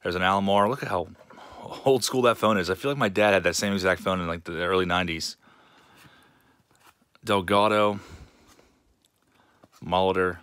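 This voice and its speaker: A man casually narrating a show-and-tell of his card collection, relaxed and rambling with many fillers. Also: deep voice, normal speed, long pauses, clear, resonant tone, no room sound.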